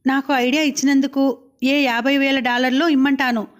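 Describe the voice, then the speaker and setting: A woman's voice: sits high, level tone, moderate pace, natural voice. Woman reading as a scheming young heist planner. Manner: pushy and persuasive. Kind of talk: audiobook character reading.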